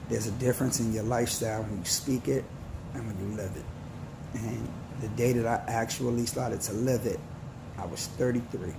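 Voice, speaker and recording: A man's voice: mid-range voice, steady tone, gravelly, noisy background. A man in his forties giving an earnest, slangy motivational talk to his viewers. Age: 40s. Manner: earnest, preachy, slangy and slow. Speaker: vlogger.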